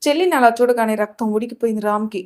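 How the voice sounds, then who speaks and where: A woman narrating a scripted love story with an expressive, dramatic reading. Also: on the high side, fast.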